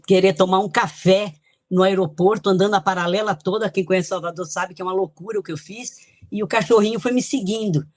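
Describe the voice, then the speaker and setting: A woman's voice: medium pitch, a little mellow. An older woman from Italy speaks as a guest author in a podcast interview. She recounts her life in a chatty, reminiscing way, with light laughs between thoughts. The sound is dry and close, with no room echo. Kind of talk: podcast interview, personal storytelling.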